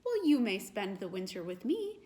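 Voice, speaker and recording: A woman's voice: medium pitch, big pitch swings, normal speed, mellow, close to an everyday voice. A woman voicing a kind little girl witch in a children's story, speaking in a sweet, friendly way.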